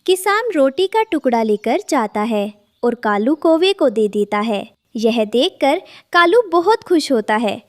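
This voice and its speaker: A woman's voice: a little high, big pitch swings, unhurried, hardly any pauses, dry recording, studio quality. A woman narrating a scripted children's cartoon story.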